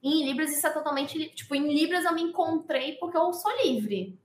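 A woman with a high voice explains things in a relaxed, casual conversation. She talks in a very expressive, animated way. Her voice rings in an echoey room. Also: brisk.

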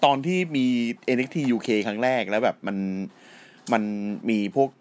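A young man co-hosting a casual podcast, retelling events in a profane, animated way with rough slang. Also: mid-range voice, moderate pace. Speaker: podcast co-host. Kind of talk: casual crude chat about wrestling.

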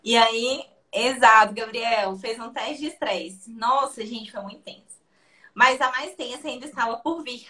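A young woman with a Brazilian accent tells a story in casual talk, slightly high in pitch. She laughs easily and slips into quoted dialogue as she goes. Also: unhurried. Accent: Brazilian Portuguese. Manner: lively, laughs often, acts out quoted dialogue. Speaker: interview guest.

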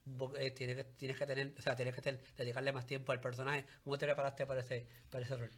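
A man's voice: medium pitch, level tone, fast. A man, interviewing guests and often rephrasing his questions as he goes.

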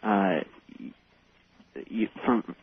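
A man calling a late-night radio show, heard over the phone. His low, husky voice comes through a thin, tinny line. He stops and restarts often as he works through his points. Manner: halting, pausing often. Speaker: radio call-in caller.

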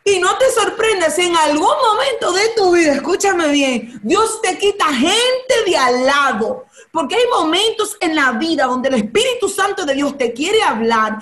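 Fervent high-voiced woman preaching. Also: very animated, moderate pace, few pauses, a bit bright. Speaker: guest speaker.

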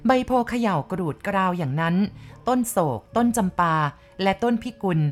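A woman reading a ghost story aloud in the first person, with measured, vivid descriptive narration. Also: mid-range voice, animated.

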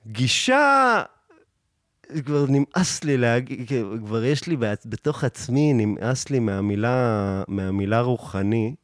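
Young male podcast host, casual storyteller, mid-range voice, dry close sound, jumps up in pitch when quoting people. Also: no room sound. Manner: animated, acts out quoted lines in raised voice, laughs often.

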